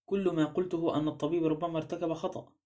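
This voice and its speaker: A man's voice: a little high, level tone, racing, warm tone, pitched above the performer's own voice, close to an everyday voice. A man reading a blunt, prying detective. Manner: blunt, probing. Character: blunt suspicious male ex-detective.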